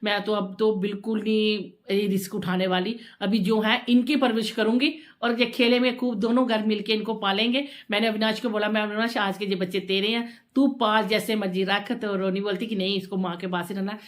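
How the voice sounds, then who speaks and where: A chatty woman vlogger speaks in a casual, emotional way. Her pitch sits in an ordinary middle range, and she tends to repeat phrases as she talks. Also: fairly even intonation, fairly quick, few pauses. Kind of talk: casual home vlog chat.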